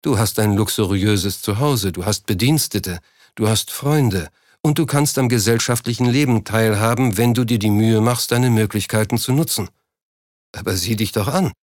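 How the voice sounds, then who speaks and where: A man's voice: lowish voice, normal speed, no room sound, clean studio sound, lightly acted. A man reading an audiobook, voicing a proud, driven businessman who speaks curtly and a little irritably. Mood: irritated. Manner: curt, slightly irritated. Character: proud driven businessman, middle-aged, terse. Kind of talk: audiobook character voice.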